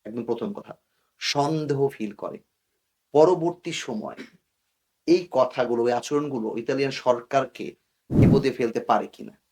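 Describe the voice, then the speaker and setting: A man speaks as an interview guest, explaining things in an earnest, warning manner. He mixes English words into his sentences. His voice sits at an ordinary middle pitch. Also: a little slow, long pauses, darkish tone. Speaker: guest expert.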